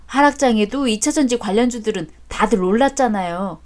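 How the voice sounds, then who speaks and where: A blunt grown-up son, voiced by a woman narrator, answers his father in a flat, cheeky way. The voice is fairly high, and it is a storybook drama. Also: fairly quick, lightly acted.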